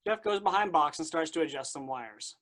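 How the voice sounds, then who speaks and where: A man's voice: fairly high pitch, fairly quick, fairly bright tone. A man narrating a tabletop game as game master in a dry, matter-of-fact way.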